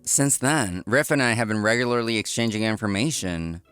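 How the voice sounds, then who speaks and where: A man with a lowish, smooth, fairly bright voice speaks expressively at a moderate pace, with music playing behind him. As narrator and lead, he plays an earnest, work-obsessed young restaurant owner telling his own manga story, easily flustered, in an earnest, reflective mood.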